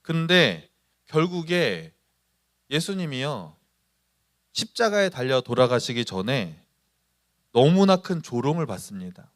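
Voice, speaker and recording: A man's voice: mid-range voice, very animated, a little slow, long pauses. A man preaching at a youth service, putting on voices for the people he quotes and asking the congregation questions. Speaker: pastor.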